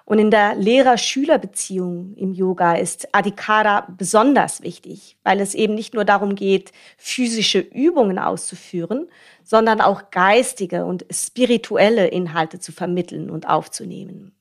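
A woman's voice: mid-range voice, moderate pace, gravelly. A woman hosting a podcast, explaining things directly to her listeners. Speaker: podcast host.

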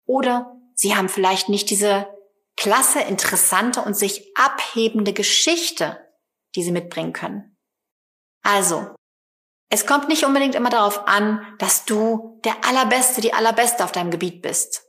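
A woman's voice: medium pitch, measured pace, a bit bright. Encouraging woman podcast host. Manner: encouraging, speaks directly to the listener. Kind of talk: solo podcast advice talk.

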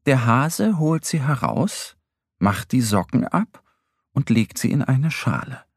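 A man narrating a children's story in a gentle, expressive storytelling manner. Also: medium pitch, slow, creaky, slightly rough, dry recording, studio quality.

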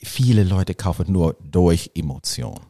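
A man's voice: sits low, lively intonation, vocal fry, dark tone. A middle-aged man with an American English accent speaks non-native German in a casual interview, hesitating and mixing in English words. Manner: halting non-native German sprinkled with English words, frequent tag questions. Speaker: podcast guest, marketing business owner.

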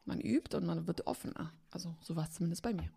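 A podcast guest and agency co-founder from Poland and eastern Germany chats casually, candidly, and with many fillers, laughing often. Her voice is fairly low, dark, creaky, and slightly rough, and she talks fast.

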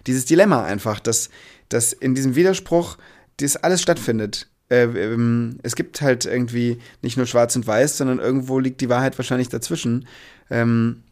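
A man's voice: mid-range voice, fairly even intonation, normal speed, a little mellow. A man answering as an interview guest in a casual, earnest and reflective way, often searching for his words.

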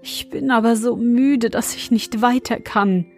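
Weary youth in a fairy tale, pleading and slow, voiced by a woman. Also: a little high, a little mellow, soft background music. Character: weary, pleading young male traveler.

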